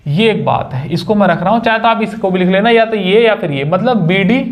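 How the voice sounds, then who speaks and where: A man's voice: high-pitched, expressive, a little fast. A young man teaching a maths lesson at a whiteboard, chatty and casual, joking with his students.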